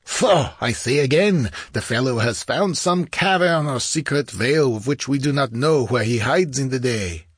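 A man's voice: mid-range voice, expressive, moderate pace, few pauses, slightly rough, no echo, studio quality, voice pushed up. A man voicing a cruel, mocking bandit chief with a scornful snarl in an audiobook reading.

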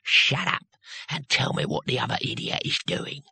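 A gruff old barbarian growls his threats in a damp, squelchy voice, as a man reads him. His timbre sounds strange and unlike a normal voice, and the tone is bright and clipped. The recording is dry and close, like a storybook. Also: medium pitch, big pitch swings, normal speed, no echo, full character voice. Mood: menacing. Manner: blunt threatening whispers. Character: very old wiry male barbarian, menacing and gruff.

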